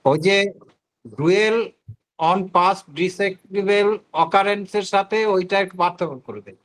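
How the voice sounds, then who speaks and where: A man with a high voice asks his teacher over a video call to explain a difference. His tone is informal and familiar. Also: slow pace, fairly bright tone. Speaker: student asking a question.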